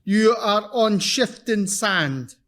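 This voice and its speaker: A man with a broad Scottish accent giving a conference presentation in a blunt, emphatic, deliberate manner, repeating his key points. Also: high-pitched, animated, fairly bright tone. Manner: slow, deliberate delivery for non-native listeners. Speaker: invited seminar speaker.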